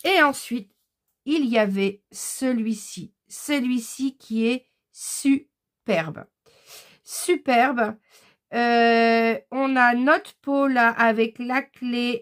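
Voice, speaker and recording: Frenchwoman, haul vlogger, slightly high voice, chatty, hesitant fillers, enthusiastic. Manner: enthusiastic about craft items. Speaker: scrapbooking vlogger. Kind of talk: casual haul chat, showing purchases.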